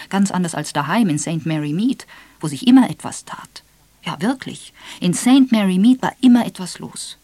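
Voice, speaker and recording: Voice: mid-range voice, dry recording. Brief: Vorleser eines Kriminalromans, ruhig und ausdrucksvoll, mittlere Tonlage, trockener Studioklang. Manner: measured, expressive storytelling. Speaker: audiobook narrator. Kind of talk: scripted narration.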